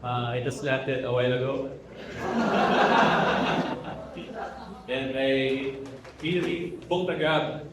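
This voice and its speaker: A man from the Philippines who teaches Hokkien gives a casual workshop lecture to a live audience in a large, echoey hall with a crowd, amid heavy background noise. His mid-range voice is level and unhurried; he code-switches with Tagalog fillers and asks the room questions.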